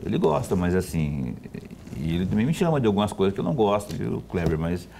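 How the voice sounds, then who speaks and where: A Brazilian man hosting a TV talk show, chatting in a relaxed, folksy way with lots of asides. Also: low-pitched, quick pace, vocal fry, slight background noise.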